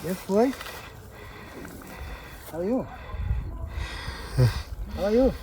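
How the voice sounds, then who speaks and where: A man's voice: high voice, expressive, extremely slow, a crowd in the background. A man chatting casually as a local guide, in brief, simple replies. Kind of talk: casual chat.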